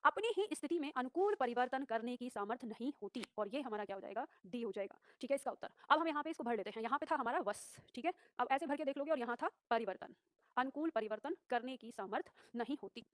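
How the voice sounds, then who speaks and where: A woman teacher rushing through exam questions and explaining each answer briskly. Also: fairly high pitch, lively intonation, dry recording. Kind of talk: exam-prep class.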